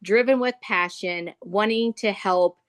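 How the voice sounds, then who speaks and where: A woman's voice: medium pitch, unhurried, smooth. A woman from Nebraska enthusiastically introducing a guest on a video call, in a folksy, casual way. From Nebraska, USA. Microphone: computer mic on a video call.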